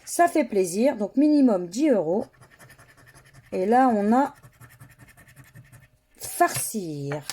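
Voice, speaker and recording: A woman giving slow, methodical running commentary as she scratches lottery tickets, spelling out letters one by one. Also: mid-range voice, expressive, warm tone.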